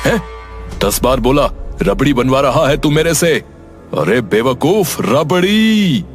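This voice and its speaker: A man's voice: medium pitch, animated, measured pace, natural voice. A man voicing a fuming sweet-shop keeper. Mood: irritated. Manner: gruff, insulting. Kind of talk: cartoon voice acting. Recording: music behind voice.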